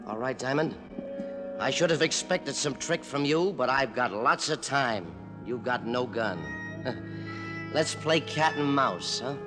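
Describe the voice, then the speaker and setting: A man's voice: mid-range voice, slow pace, close to an everyday voice. An actor playing a smug, taunting male gangster gunman in a 1940s radio crime drama. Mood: stalking, taunting. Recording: reverberant old radio recording, music behind.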